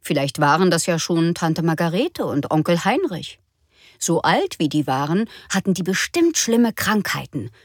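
A woman narrating a children's story in a lively, expressive way. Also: low voice, husky, no room sound, studio quality.

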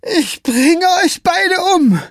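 A man doing a shrill, hissing, raging villain. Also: lively intonation, normal speed, gravelly, no echo, clean studio sound, full character voice. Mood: enraged. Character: furious vicious young male killer, boastful.

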